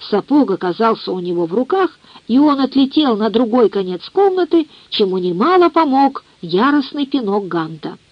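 A woman giving a measured, expressive reading of a novel as an audiobook narrator. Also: fairly high pitch, breathy edge, no echo. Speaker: audiobook reader. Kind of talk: scripted literary narration. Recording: muffled lo-fi dry recording.

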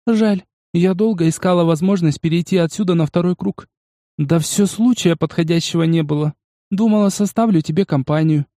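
A man's voice: sits high, moderate pace, mellow, no echo, studio quality, voice pushed up, natural voice. A man voicing a confident, eager young woman in an audiobook, speaking with authority. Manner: authoritative, upbeat.

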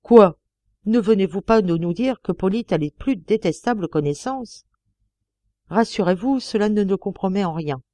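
A woman's voice: medium pitch, lively intonation, normal speed, mellow, dry recording, close to an everyday voice. A woman voicing a young male policeman in an audiobook, coaxing and insistent in his questions. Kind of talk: audiobook character reading.

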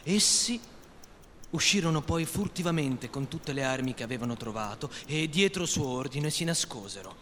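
A man narrating a storybook reading on the radio with lively, sharp delivery. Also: medium pitch, normal speed, long reverb tail, slight background noise. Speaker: story reader.

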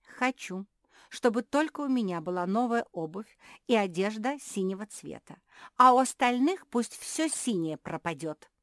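A woman's voice: mid-range voice, animated, moderate pace, no room sound, clean studio sound, voice pushed up, lightly acted. A woman voicing a spoiled young female pug who shrieks her demands in a petulant way. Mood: whiny.

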